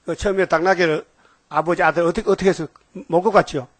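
A man's voice: sits high, fairly even intonation, quick pace, dry recording. An older man preaching a folksy sermon, telling homely stories and often asking the congregation "eh?" for agreement.

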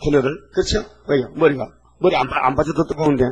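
A man in his eighties giving a sermon as a pastor, talking in a folksy, animated way and often tossing rhetorical checks at the congregation. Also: a little high, fast, a crowd in the background, rough recording.

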